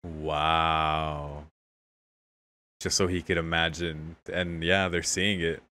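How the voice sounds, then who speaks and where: A man's voice: extremely low pitch, flat delivery, takes it slowly, bright, forceful tone. A young man hosting a casual anime reaction, exclaiming candidly, often laughing and swearing. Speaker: anime reaction channel host.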